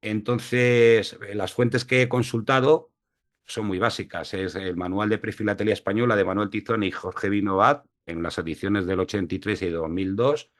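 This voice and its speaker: A man's voice: lowish voice, steady tone, moderate pace. A man from La Mancha giving an online lecture, hesitant with many fillers, over a video call. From La Mancha, Spain. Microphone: video call mic.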